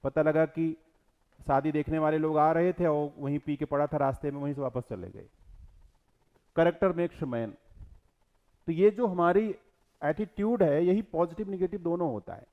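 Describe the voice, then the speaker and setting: A male teacher giving an exam-prep lecture on scripture, asking rhetorical questions and quoting verses, his voice swinging between loud and soft. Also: fairly high pitch, moderate pace, pauses often, highs cut off.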